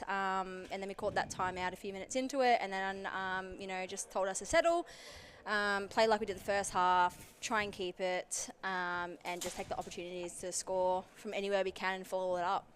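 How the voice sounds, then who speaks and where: A woman's voice: mid-range voice, fairly even intonation, brisk, fairly bright tone, slight background noise. A woman player giving a post-match interview, modest and hesitant with many ums.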